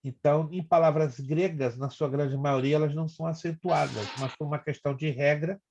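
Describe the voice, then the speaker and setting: Brief: Brazilian-accented male pastor-teacher, fairly high voice, chatty online lecture, muffled call audio. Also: steady tone, a little fast, vocal fry, a little mellow, a little hiss or hum. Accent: Brazilian Portuguese. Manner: chatty, teasing, explains step by step. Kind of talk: online Bible class lecture. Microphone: video call.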